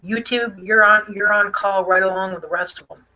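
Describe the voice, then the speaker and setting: A woman's voice: mid-range voice, fairly even intonation, moderate pace, pushed and bright, rough recording. A woman hosting a casual live stream, chatty and defiant, with many fillers as she comments on a news clip. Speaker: online show host.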